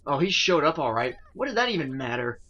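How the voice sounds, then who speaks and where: A man's voice: a little high, big pitch swings, fairly quick, sharp tone, husky, highs cut off, full character voice. A man voicing a bossy, easily spooked young woman in a game, complaining shrilly and indignantly. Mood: scornful.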